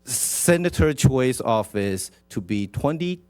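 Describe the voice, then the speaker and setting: A man's voice: mid-range voice, expressive, slow, darkish tone. A man with a Taiwanese accent speaking as a mayor at a council meeting, chatty and jovial as he addresses people directly in a ceremonial address. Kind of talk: informal ceremonial public address with proclamation reading.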